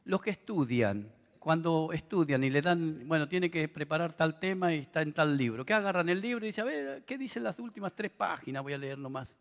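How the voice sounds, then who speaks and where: Preaching in a large convention hall, a middle-aged Argentine pastor speaks briskly and expressively in a fairly high voice, hardly pausing at all. He keeps the sermon conversational with asides to the crowd, and his Argentine Spanish accent rings out in the hall's long reverb.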